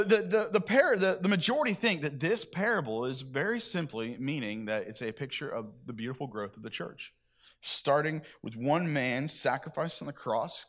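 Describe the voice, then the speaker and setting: A man's voice: medium pitch, a bit bright. A man preaching a sermon at church in a chatty, conversational way, often repeating himself. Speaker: pastor.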